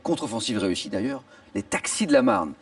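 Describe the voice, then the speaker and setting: A man's voice: lowish voice, fairly quick. A man hosting a television quiz show in a studio, reading clues theatrically and cheering contestants on. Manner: animated, theatrical, exclaiming. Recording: from a distance over music and audience. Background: theme music and studio audience.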